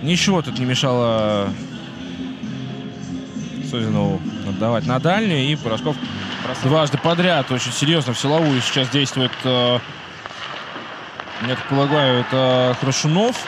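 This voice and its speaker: A man's voice: medium pitch, moderate pace, pauses often, over loud music. A man doing live play-by-play commentary on an ice hockey game.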